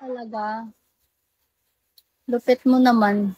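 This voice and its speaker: A woman's voice: on the high side, steady tone, slow, dark tone, slight background noise, low-quality recording. A Filipino woman live streamer with missing front teeth, chatting casually and playfully with her viewers. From Philippines. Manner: teasing, playful banter.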